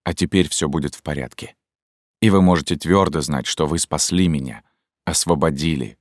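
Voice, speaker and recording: A man's voice: extremely low pitch, dry recording. A man playing a weary, guarded middle-aged scientist. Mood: secretive. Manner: quiet, slow, resigned. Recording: dry close studio sound.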